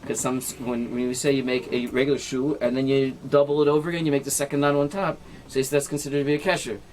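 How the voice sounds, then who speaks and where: A man's voice: mid-range voice, flat delivery, fast, a little mellow. Man, a rabbi, going over knots step by step for a class, keeps saying "right?", slight background hiss. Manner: explains step by step, often checks with "right?"; mixes Hebrew and Yiddish terms into English. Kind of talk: informal halacha lesson with demonstration.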